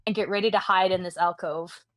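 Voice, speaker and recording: A woman's voice: on the low side, fairly even intonation, brisk, no room sound. A woman playing a tabletop game, explaining her moves at length. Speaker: player.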